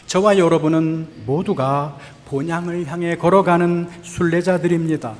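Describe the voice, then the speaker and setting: A man's voice: fairly high pitch, fairly even intonation, normal speed, a little mellow. A man preaching a sermon as pastor, earnest, often asking the congregation questions, with touches of light humor. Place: church sanctuary. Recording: long church hall reverb.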